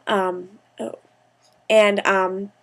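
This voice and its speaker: Young american woman rambling into her home vlog, lots of ums, mid pitched, chatty. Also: level tone, very slow. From United States. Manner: chatty, rambling, with frequent ums and small laughs. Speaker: vlogger. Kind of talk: casual video diary.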